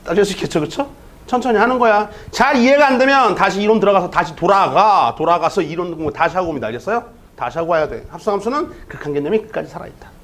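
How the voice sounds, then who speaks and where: A man's voice: sits high, fast talker. A man teaching an online math lecture, talking students through a problem step by step and checking in with them often. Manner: lively, keeps checking in with the listener.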